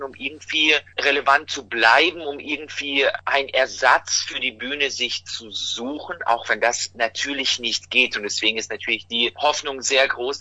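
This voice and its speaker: A man from Russia, a singer and music teacher, answering interview questions in a measured, earnest way. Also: mid-range voice, pushed and bright, no echo, poor audio.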